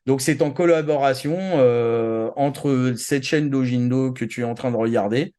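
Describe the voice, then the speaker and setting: Anime and manga are the topic as this male co-host of a pop culture show chats in loose, slangy fashion, trailing off and searching for words. His voice is mid-range, smooth and dark in tone, moving at a measured pace.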